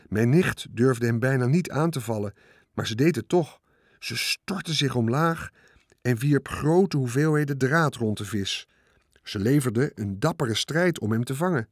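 A man's voice: mid-range voice, no echo, clean studio sound. A man voicing a kind, clever female spider who gives orders and tells stories.

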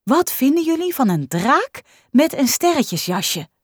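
A woman voicing a patient female kindergarten teacher in a storybook reading, speaking gently and coaxingly. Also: high voice, big pitch swings, a little slow, no room sound, studio quality, pitched above the performer's own voice.

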